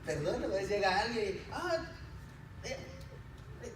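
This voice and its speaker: A male pastor preaching a sermon, switching between loud declarations and quiet asides and drawing out words he wants to stress. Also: sits high, sing-song, unhurried, distant mic. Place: church sanctuary. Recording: echoey room, voice from off-mic, faint background noise.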